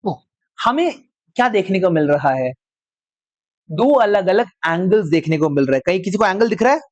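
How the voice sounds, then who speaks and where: A man teaching a maths class, dictating slowly word by word and often checking whether the students follow. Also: high voice, very animated, no echo, dull audio. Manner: slow dictation word by word, checks with frequent questions. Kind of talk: live class lecture.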